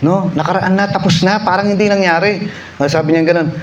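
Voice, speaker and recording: A man's voice: high voice, fairly even intonation, brisk, slight background noise. A male pastor preaching a sermon in a church, telling a story and repeating lines for effect. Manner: storytelling, acts out voices, repeats phrases for effect.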